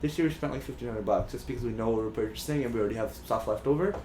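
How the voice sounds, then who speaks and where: A man's voice: mid-range voice, racing, darkish tone, a little hiss or hum. A man co-hosting a podcast, chatting casually in a rambling way with lots of fillers and restarts. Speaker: podcast co-host. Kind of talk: casual chat. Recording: echoey room.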